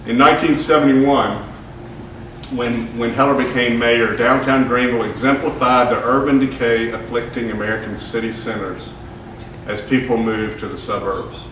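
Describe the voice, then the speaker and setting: A man lectures to an audience at a mid-range pitch, his voice carrying through a very echoey hall from a distance. He starts out halting, full of fillers and restarts, then settles into reading prepared remarks. A faint hiss sits under the room sound. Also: fairly even intonation, fairly bright tone. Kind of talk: public history lecture.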